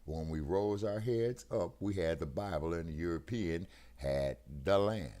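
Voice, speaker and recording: An American man with a deep, low, mellow voice speaks a little slowly over a video call through a headset, the connection breaking up now and then. Co-hosting a talk stream's casual political discussion, he's emphatic and preachy, repeatedly asking, "you see what I'm saying?"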